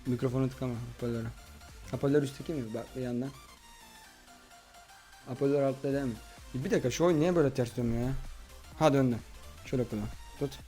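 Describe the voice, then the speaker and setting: His mid-range voice is mellow and fairly even, moving at a quick pace with frequent pauses. The man is hosting a casual let's-play with a friend, bossily instructing and complaining as background music plays.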